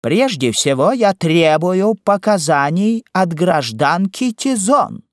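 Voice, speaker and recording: A man voicing a malicious male shoemaker who mocks and shouts accusations in a courtroom, read aloud as an audiobook. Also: high voice, lively intonation, slow, dry recording, clean studio sound, voice pushed up. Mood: insistent. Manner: mocking, shouting.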